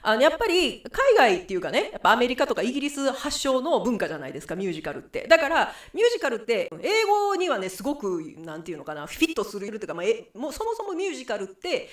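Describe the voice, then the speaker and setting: Chatty Kansai woman, lively pitch. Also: fast talker, few pauses, echoey room. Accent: Kansai Japanese. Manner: chatty, animated, rambling. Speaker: host and musical singer. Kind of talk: live-stream chat.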